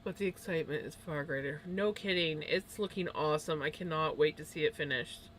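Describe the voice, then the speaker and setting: A woman's voice: sits low, a little fast, slight background noise. A woman streaming her knitting, chatting casually with viewers in a chatty, self-deprecating way. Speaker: crafting streamer. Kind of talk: casual chat while knitting.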